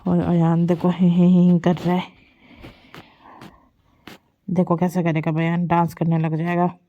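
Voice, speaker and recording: A woman vlogger narrates family footage of her kids' antics, her casual voice-over doting, rambling and full of repetition. Her lowish voice is dark in tone, with a completely flat delivery at a measured pace, and the audio sounds dull.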